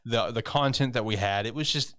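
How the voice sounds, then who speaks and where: A man's voice: medium pitch, fairly quick, fairly bright tone, smooth, no room sound, studio quality. A man co-hosting an anime podcast, recapping episodes in a rambling, casual way full of fillers and laughter. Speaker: podcast co-host.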